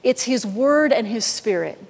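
High-voiced woman preaching slowly. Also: big-room sound. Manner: storytelling preacher, lively when recounting a story. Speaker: pastor. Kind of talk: sermon.

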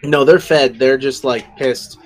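A man narrating as game master in a casual tabletop game, relaxed and quick to laugh. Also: medium pitch.

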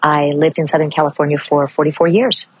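An older woman from Maryland hosting a reflective solo podcast from outdoors. She stretches key words slowly and rushes through asides. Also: low voice, level tone, husky, muffled recording. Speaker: podcast host.

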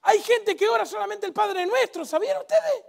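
A man preaching a sermon in a church with a Rioplatense accent, emphatic, swinging between shouts and hushed intensity. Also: very high voice, animated, moderate pace, creaky. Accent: Rioplatense Spanish.

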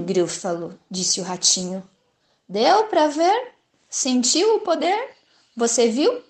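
A woman's voice: very high voice, voice pushed up, heavily acted. A woman playing a tiny cocky mouse. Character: small clever boastful male mouse. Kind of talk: children's story reading.

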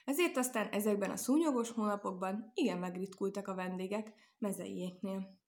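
A woman narrating a children's storybook with a lively, expressive delivery. Her voice sits at a middle pitch and changes for each character. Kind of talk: storybook reading.

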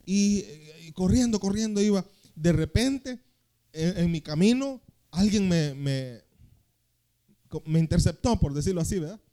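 High-voiced preaching man, lively. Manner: swings between loud, slow scripture reading and quiet, fast storytelling. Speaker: pastor. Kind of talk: sermon.

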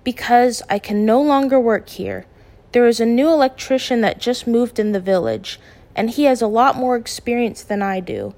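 The character is a middle-aged father, calm and practical, speaking with measured, gently firm steadiness, performed by a woman narrating a storybook. Her rendering sits a little high, above her own voice, with some vocal fry.

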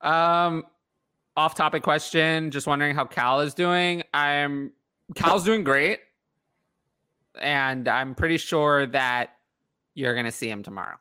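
A man co-hosting a casual sports talk show, chatting in an animated way. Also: a little high, slow, pauses often, clean tone. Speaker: podcast co-host.

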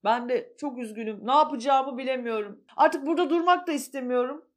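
A woman's voice: high-pitched, a little fast, lightly acted. A woman voicing a sad, lonely old male dog in a children's storybook, with a sighing, plaintive manner.

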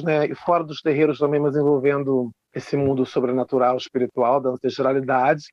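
A man, a guest author telling funny stories in an interview, animated, jumping into high put-on voices. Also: no echo. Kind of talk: storytelling interview chat. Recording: dull lo-fi dry sound.

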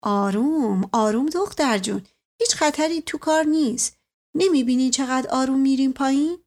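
Storybook figure: calm, gently mysterious fifty-something man, read by a woman, slightly raised pitch. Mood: soothing. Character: kindly, mysterious man in his fifties.

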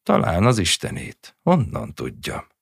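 A man's voice: rumbling low, huge pitch swings, gravelly, breathy edge, no room sound, exaggerated voice. Cruel mocking hussar, read by a man; taunting, dry booth.

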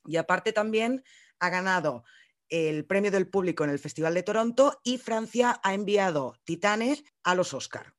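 A woman with a Spain Spanish accent co-hosting a film podcast, talking in a chatty way, explaining things and joking freely. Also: on the low side. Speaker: podcast co-host. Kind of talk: casual film podcast chat.

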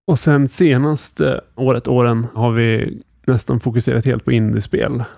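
A man hosting a casual podcast about roleplaying games, relaxed and thinking aloud with many fillers. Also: mid-range voice, creaky, no echo, studio quality. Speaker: podcast host.

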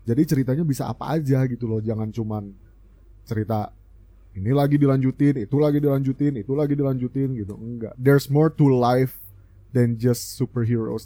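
A man's voice: medium pitch, steady tone, moderate pace, warm tone, no echo. A young man with an Indonesian accent co-hosting a casual film chat, talking in emphatic slang and switching in and out of English. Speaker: podcast co-host. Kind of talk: casual chat about films.

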